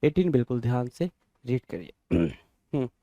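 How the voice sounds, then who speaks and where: A male teacher, giving an exam-prep grammar lesson, asking questions and answering them himself, and reading example sentences slowly. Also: medium pitch, big pitch swings, mellow, dry recording, dull audio. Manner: reads English sentences slowly and deliberately.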